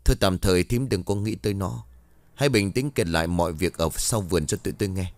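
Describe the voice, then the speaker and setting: A man voicing a calm village elder who questions in a measured way. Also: deep voice, no echo. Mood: questioning.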